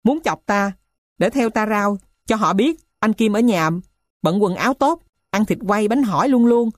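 A woman's voice: medium pitch, very animated, moderate pace, no room sound, clean studio sound. A woman voicing a bold, scrappy boy who talks back hotly. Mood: defiant. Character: bold scrappy street boy, defiant and cheeky.

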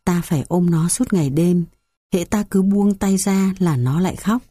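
A woman voicing an elderly male Buddhist monk recalling his childhood, speaking slowly and gently. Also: on the low side, no echo, clean studio sound, lightly acted. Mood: reminiscent. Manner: slow, gentle storytelling.

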